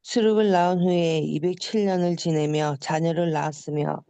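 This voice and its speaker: Gravelly, dark-voiced scripture reader. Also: medium pitch, steady tone, moderate pace, no room sound. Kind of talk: reading scripture aloud.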